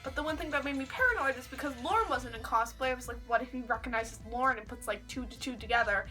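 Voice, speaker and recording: A young woman, telling a story to camera in a chatty, animated way and saying "like" a lot. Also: high-pitched, fast talker, faint music behind, rough recording. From Canada. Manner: chatty, heavy use of "like", animated retelling. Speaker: vlogger. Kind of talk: casual storytelling.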